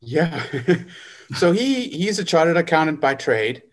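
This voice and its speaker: Guest type: forty-year-old man, slightly high voice, hesitant and full of fillers. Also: sing-song, unhurried. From South Africa. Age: 40s. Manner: hesitant, many fillers and restarts. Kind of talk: casual interview.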